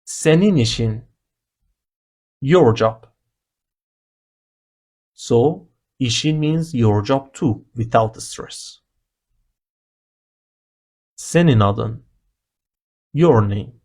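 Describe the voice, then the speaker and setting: A man's voice: medium pitch, animated, drawn-out words, pauses often, a little mellow, slightly rough. A man teaching beginner grammar, explaining the rules patiently one step at a time. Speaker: language teacher. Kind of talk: slow explanatory lesson narration.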